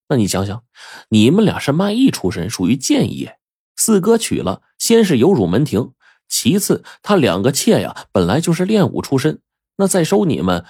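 A man's voice: mid-range voice, warm tone, breathy edge, no echo, studio quality, voice pushed up. A man voicing a shrewd, jovial young prince who confides his schemes with chuckles. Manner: laughing, confiding, playful.

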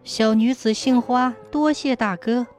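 A woman's voice: fairly high pitch, faint music behind, pitched above the performer's own voice, natural voice. A woman putting on a tearful young ghost girl. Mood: pleading. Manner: halting, tearful pleading. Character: sorrowful young female river ghost. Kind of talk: storybook narration.

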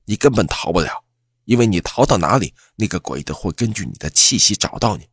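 Man voicing superstitious young male roommate, grave, low husky tone, lively delivery. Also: fairly quick, no room sound, studio quality. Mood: ominous.

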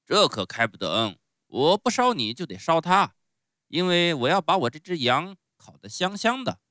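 A blustering, bearded puppet-show master, loud and gruff yet soft underneath, as a man reading a storybook puts him on. He barks his words in a raised, forceful voice, lively in pitch. The sound is dry and close. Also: moderate pace, no echo. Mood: grudging. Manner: loud booming scolding with stuttering sneezes.

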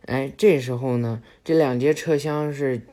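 A man's voice: mid-range voice, fairly even intonation, a little slow, dark tone. A man playfully retelling an anime episode, chatty and joking and correcting himself as he goes. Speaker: storyteller.

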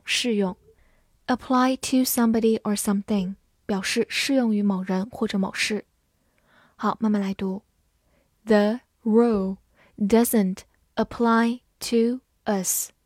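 A woman teaching English vocabulary in a scripted lesson, spelling words letter by letter and reading example sentences slowly and carefully. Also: fairly high pitch, a little mellow, no echo, studio quality.

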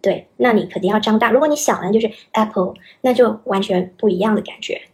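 A woman's voice: mid-range voice, fast talker. A young woman talks as a podcast guest, explaining how to shape English sounds. She is patient and instructive, demonstrating words as a teacher would. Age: young adult.

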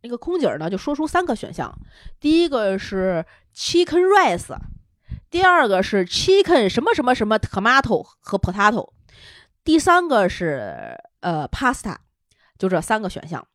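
A woman podcast co-host telling a travel story in casual chat, animated and often laughing as she acts out quotes. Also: mid-range voice, normal speed, no echo, studio quality.

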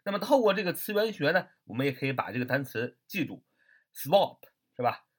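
A man's voice: a little high, very animated, brisk. A man teaching English vocabulary in a chatty way, spelling words out letter by letter and asking rhetorical questions. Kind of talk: lively vocabulary lesson.

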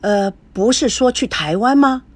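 A woman's voice: a little high, lively intonation, unhurried, husky. A woman reading the lines of a young man, a kind but evasive grandson, in an audiobook, with a light, casual delivery.

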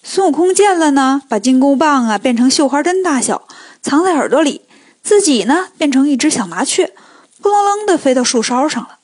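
A woman storyteller narrating a children's tale with lively, colloquial joking asides. Her voice is high. The recording is dry and close, with no room echo. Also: moderate pace.

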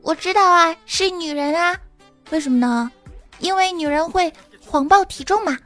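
A woman hosts a comedy podcast with a high, bright-pitched voice, teasing and joking in an animated way. She narrates the setups of the jokes herself. Music plays clearly behind her the whole time. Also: normal speed. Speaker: podcast host. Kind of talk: comic podcast hosting. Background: background music.

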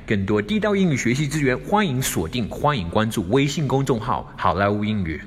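A man hosting an English lesson, repeating phrases slowly for practice. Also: medium pitch, big pitch swings, breathy edge. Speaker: English teacher and host. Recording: long reverb.

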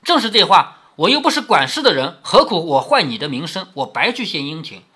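A man reads out a poised young maid from a classic novel, steady and reassuring, with a firm edge. His bright, slightly breathy voice moves with lively pitch, as in a storybook reading. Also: fairly quick, heavily acted. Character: composed senior young maid, kind but firm.

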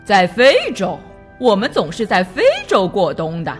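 Sly polite stork gent, drawn-out smooth talk, very slow, as a woman puts him on, storybook. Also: medium pitch, very animated, soft background music. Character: sly polite male stork, scheming doctor.

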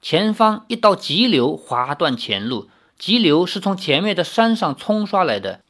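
A man reading a fantasy novel aloud as storyteller, in an expressive way. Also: fairly high pitch.

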